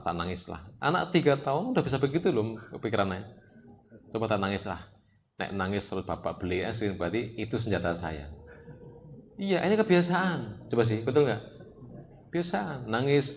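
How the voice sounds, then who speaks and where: Lively low-voiced man preaching. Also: gravelly, a little hiss or hum. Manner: lively, direct, often asks the audience questions. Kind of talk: parenting talk to a congregation.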